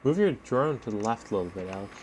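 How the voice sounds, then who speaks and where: A man's voice: lowish voice, lively intonation, fast talker, background noise. A man chatting casually with friends during a shooter game, teasing and giving callouts. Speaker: teammate. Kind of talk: casual gaming chat.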